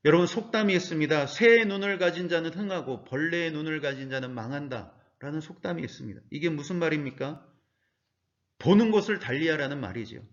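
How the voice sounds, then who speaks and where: Earnest male preacher with a higher voice; muffled, low-fidelity church sermon recording. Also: brisk. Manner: earnest preaching with rhetorical questions. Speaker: pastor.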